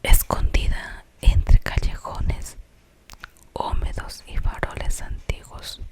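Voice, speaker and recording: A Colombian-accented storyteller whispers an ASMR tale, hushed, slow, and suspenseful, pausing now and then for explanatory asides.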